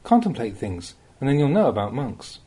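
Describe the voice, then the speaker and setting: A man reads aloud a recorded Dhamma talk, translated Buddhist teachings delivered as a monk instructing students would. His voice is soft, dark and slightly husky, measured and plain-spoken, yet sing-song, with pitch rising and falling freely on important phrases.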